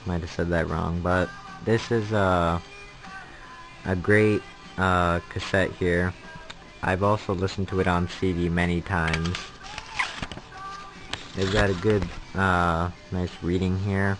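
The recording is rough, with music under a young man's deep voice as he speaks slowly and leaves long pauses. A teenage or young adult vlogger, he holds the camera at arm's length in his small bedroom at home and rambles through a casual, hesitant video diary in a flat tone.

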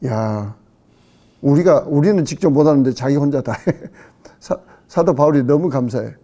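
A middle-aged pastor leads a casual Bible study, acting out questions with sudden loud outbursts and slipping in English words. His voice is mid-range, with lively intonation and a normal speaking speed.

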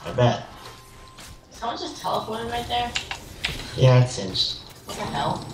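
A woman's voice: mid-range voice, very animated, a little slow. A woman chatting casually while gaming online, recorded roomy and distant with noise. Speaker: gamer playing with a friend. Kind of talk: casual chat during online game.

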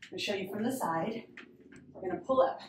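A woman's voice: mid-range voice, fast, roomy sound, distant mic, a little hiss or hum. A young adult woman leading a home workout in her garage, counting reps aloud, encouraging and out of breath. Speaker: fitness instructor.

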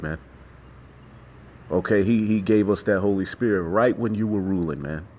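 A man giving an informal sermon as a religious teacher, speaking emphatically and repetitively with profanity. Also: low voice. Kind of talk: informal sermon with scripture reading and commentary.

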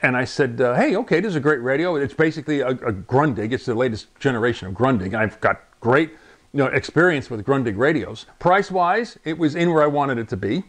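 A ham radio channel host in his sixties chats his way through unboxing a radio, rambling a little and chuckling often, recorded on a lapel mic in his home radio room. His mid-range voice is animated, fairly quick, and fairly bright. It's a casual product unboxing vlog.

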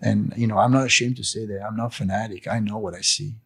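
Speaking fast into a fluffy handheld mic, a cafe owner in his sixties holds forth in an impassioned interview in his living room. English isn't his first language; his low, creaky, husky voice keeps fairly even intonation while he preaches emphatically and gestures with his hands.

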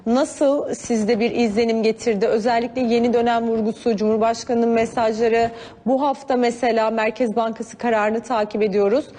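A woman's voice: a little high, fairly even intonation, normal speed, mellow, long reverb tail. A woman hosting a live broadcast interview, asking polite, conversational, rambling questions. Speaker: news interviewer, host.

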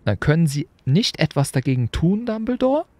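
A man voicing a stern older female professor who speaks in a sharp, scolding way. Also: a little high, big pitch swings, normal speed, dry recording, pitched above the performer's own voice. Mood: pleading.

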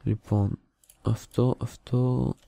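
A young man talks his way through a building game at home, loose and joking, often trailing off into hums and muttered half-thoughts. His pitch sits in an ordinary middle range, picked up close on a desktop mic. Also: flat delivery, creaky, mellow, no room sound. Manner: rambling, jokey, hums and mutters while building. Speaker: gaming channel host. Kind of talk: casual let's-play commentary. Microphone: desktop studio mic.

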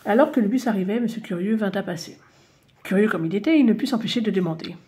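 A woman reading a children's storybook aloud, animated and playful. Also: medium pitch, fast, a little hiss or hum.

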